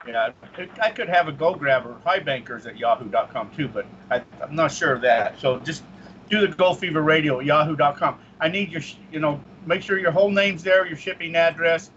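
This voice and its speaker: Give me a man from Utah talking casually on a live call-in show, with a fairly high voice over a muffled, lo-fi line. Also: brisk, fairly bright tone, a little hiss or hum. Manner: chatty, jokey, laughs often. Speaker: guest radio host. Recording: slightly dull lo-fi sound.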